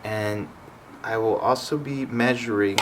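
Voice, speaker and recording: A young man from Southern California narrating a drawing demonstration as an art instructor, measured and explanatory with hesitant fillers. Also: lowish voice, fairly even intonation, noisy background.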